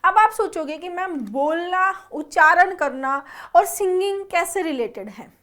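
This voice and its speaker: A woman's voice: extremely high pitch, animated, a little slow, a bit bright. A young adult woman teaching an exam-prep vocabulary lesson, explaining word roots and checking in with her students as she goes. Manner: explains and quizzes students with repeated check-ins; mixes English words into her talk.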